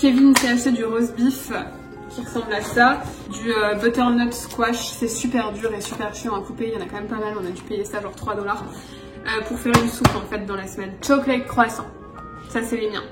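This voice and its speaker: A woman's voice: a little high, steady tone, brisk, roomy sound, distant mic, over music. A woman from France chatting casually to her phone camera as she unpacks her groceries. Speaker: vlogger. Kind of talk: casual vlog chat.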